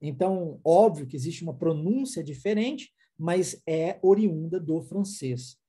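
A man's voice: on the high side, lively intonation, unhurried, warm tone, husky. A Brazilian man with a Brazilian Portuguese accent, teaching an online English lesson and explaining patiently with frequent tag questions.

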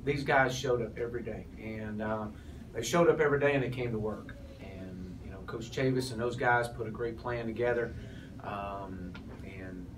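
Speaking at a normal speed in a lowish voice, this man in his forties is a head football coach taking postgame press conference questions, full of restarts and fillers. The setting is a press room with a sponsor backdrop behind him. A table of press mics catches him from off to the side, so he comes across distant amid a noisy room.

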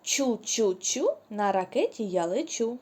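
A woman teaching a preschool reading lesson, drawing out syllables slowly and praising the children cheerfully. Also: mid-range voice, lively intonation, warm tone. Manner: slow, drawn-out syllables when modeling words. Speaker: kindergarten teacher.

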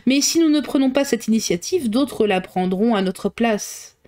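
A woman reading a novel aloud, voicing a dry, teasing middle-aged father who speaks in a slow, ironic, mocking way. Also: a little high, expressive, dark tone, close to an everyday voice. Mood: wry.

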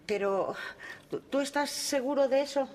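A woman's voice: sits high, moderate pace, darkish tone. An older woman with a Spanish accent playing a doting, fussing mother in a sitcom. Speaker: sitcom character, elderly mother. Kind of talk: sitcom acting.

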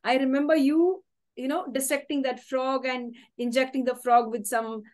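A woman's voice: sits high, fairly even intonation, normal speed, a little mellow. A woman in her forties with a Tamil accent hosts an interview on a video call, polite and encouraging. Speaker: talk show host. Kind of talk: conversational interviewing.

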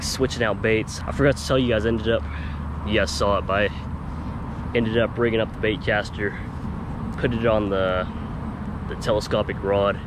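A man with a slightly creaky voice chatting casually and in slang to viewers as he hosts a fishing vlog outdoors. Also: on the low side, background noise. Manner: laid-back, slangy, talking to viewers. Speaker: fishing vlogger and host. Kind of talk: casual chat while fishing. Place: outdoors by a small pond.

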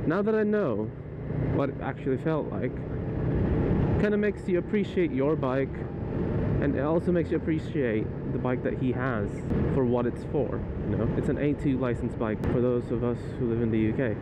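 A man's voice: mid-range voice, moderate pace. A young man chatting casually while riding his motorbike at night, rambling and thinking aloud into a wired earphone mic inside his helmet. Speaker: motorcycle vlogger. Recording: loud wind and engine noise.

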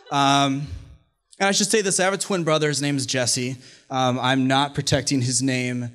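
A man's voice: medium pitch, fairly bright tone. A man in his twenties telling a personal story live on a small indoor stage, wry and self-deprecating, speaking into a stand microphone. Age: 20s. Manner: wry, self-deprecating, plays lines for laughs. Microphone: stand mic at mouth.

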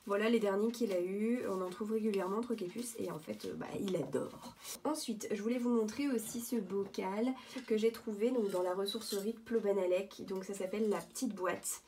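Mellow-voiced woman chatting casually. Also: medium pitch, fairly even intonation, moderate pace, a little hiss or hum. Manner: chatty, hesitant with many fillers and restarts. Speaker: vlogger showing thrift finds. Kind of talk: casual show-and-tell vlog. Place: at home, indoors.

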